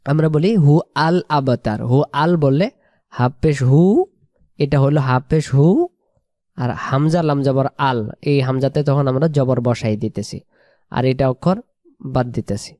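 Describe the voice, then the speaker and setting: Man, quran teacher, spells words letter by letter, smooth resonant voice, dry close sound. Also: medium pitch, steady tone, warm tone, dry recording. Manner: spells letters and vowels one by one, repeating words slowly. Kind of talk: slow spelled-out Quran pronunciation lesson.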